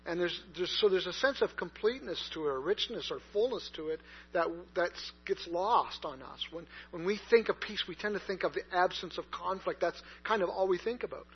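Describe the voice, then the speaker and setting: A pastor preaches conversationally in a high-pitched, brisk voice with a breathy edge, filling the sermon with fillers and restarts. The recording is dull and lo-fi, with mains hum underneath.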